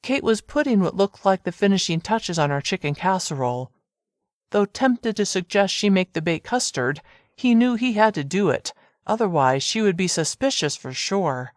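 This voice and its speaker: A narrator reading a romance audiobook in an even, measured storytelling manner. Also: female voice, medium pitch, dry recording, clean studio sound. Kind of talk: scripted narration.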